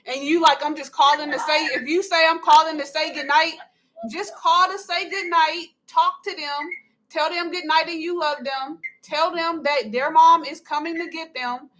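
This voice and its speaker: A woman's voice: high voice, steady tone, normal speed, a bit bright. An upset, anxious woman, a mother on a phone call, pleading insistently and repeating herself. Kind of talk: emotional phone conversation.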